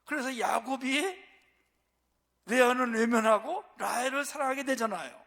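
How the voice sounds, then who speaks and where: A man's voice: very high-pitched, moderate pace, creaky, a bit bright. A man preaching a Sunday sermon as pastor, asking rhetorical questions and answering them himself. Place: church sanctuary. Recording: long church reverb.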